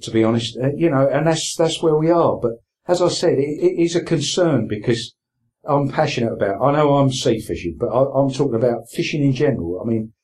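A man's voice: medium pitch, darkish tone, low-quality recording. A man in his sixties with an Essex accent, talking casually and plainly as an interview guest, with colloquial turns of phrase. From Essex, England. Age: 60s. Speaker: interview guest, veteran sea angler.

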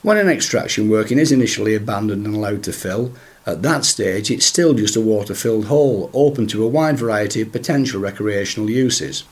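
A man with a croaky, hoarse voice from a chest cold, hosting a podcast with formal, scripted introductions and questions. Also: lowish voice, animated, a little fast. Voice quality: croaky, husky. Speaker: podcast host.

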